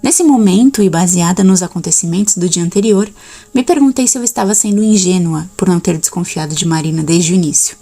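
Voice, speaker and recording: Woman audiobook narrator, low gravelly voice, faint music underneath. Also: a little fast. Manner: steady first-person storytelling.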